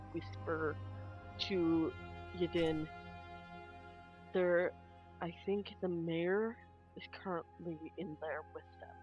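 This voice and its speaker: A tabletop game player casually narrating a character's moves in the third person, with deliberate, hesitant phrasing. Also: medium pitch. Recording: dull audio, music underneath.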